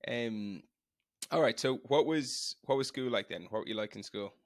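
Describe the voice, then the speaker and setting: In a clean, dry studio recording, a male podcast host with a medium-pitched voice talks at a moderate pace. He introduces the show and interviews a guest in a conversational way, explaining matters and asking plain questions of the audience and guest.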